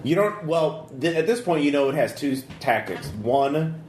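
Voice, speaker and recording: A man improvising narration as game master of a tabletop game, talking casually and haltingly as he thinks aloud. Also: fairly high pitch, animated, a little mellow, soft background music. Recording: echoey room with background noise.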